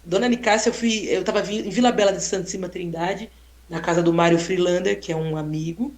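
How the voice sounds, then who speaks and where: A woman photographer telling a story in a casual, expressive way, exclaiming often and tagging sentences with "né?". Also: lowish voice, fairly quick. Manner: expressive, exclaiming, frequent "né?" tags. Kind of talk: casual storytelling on a live stream. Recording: roomy echo.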